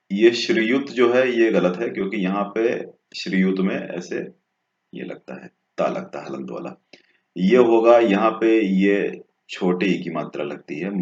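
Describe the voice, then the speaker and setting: A man working through exam questions as a tutor, going step by step and often checking in with a short "okay". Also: low-pitched. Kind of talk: exam answer walkthrough. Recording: dull, echoey room sound.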